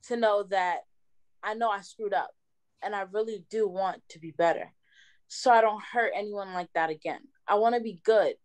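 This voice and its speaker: A young woman playing a remorseful, lonely young woman who speaks in a soft, halting voice in a student play. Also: medium pitch, lightly acted. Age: young adult. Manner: soft, halting, self-critical.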